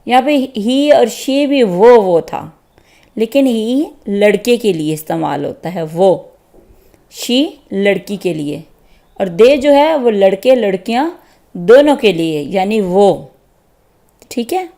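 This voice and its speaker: Teaching English grammar to beginners, a woman explains each step slowly and patiently, checking understanding with repeated "theek hai"s. Her mid-range voice is dark and animated, unhurried, with vocal fry.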